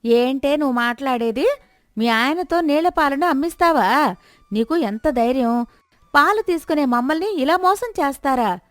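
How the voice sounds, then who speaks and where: Woman putting on a shrill scolding village woman. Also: animated, normal speed, no echo. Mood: indignant. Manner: shrill, accusing, rising to a scold. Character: angry scolding village woman, milk customer.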